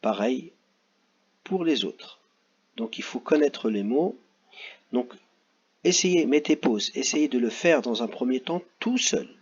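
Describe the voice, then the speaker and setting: Male teacher, slow and patient, lively pitch, slightly husky, dull lo-fi recording. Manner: slow, patient, spells out sounds and letters. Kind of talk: recorded classroom lesson for children.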